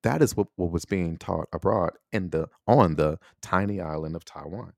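A man's voice: sits low, normal speed, vocal fry, darkish tone, dry recording, clean studio sound. An American man hosting a solo podcast, talking reflectively and conversationally and often checking in with a rhetorical "right?". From United States. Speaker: podcast host.

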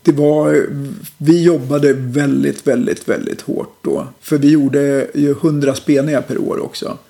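A middle-aged man, a musician, calmly telling stories about his old band in a casual interview, with lots of hesitations. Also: a little high, gravelly. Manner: relaxed, reflective storytelling with many fillers. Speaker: musician guest.

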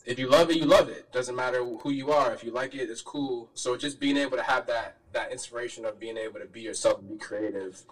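A young man from Richmond, Virginia, speaking as a podcast guest in a relaxed, reflective, casual way. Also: mid-range voice, fairly quick, hardly any pauses, far from the mic, poor audio.

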